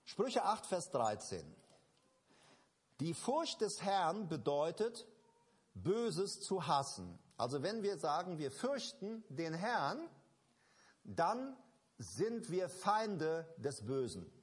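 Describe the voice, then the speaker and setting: A man delivering a sermon with a high, lively voice that climbs and drops through each point. His tone is husky, and he drives ideas home by repeating them, often stopping to restart a phrase before pressing on. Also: slow. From Germany. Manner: emphatic, repetitive, with frequent restarts and fillers. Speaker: preacher.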